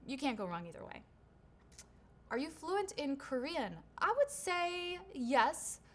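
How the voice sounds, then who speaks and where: Unhurried and a bit bright, this woman's high voice makes big pitch swings over slight background noise. A native English-speaking voice actor, she runs her own livestream Q&A on a shotgun studio mic, reading out viewer questions and replying cheerfully with plenty of "right?" and "um."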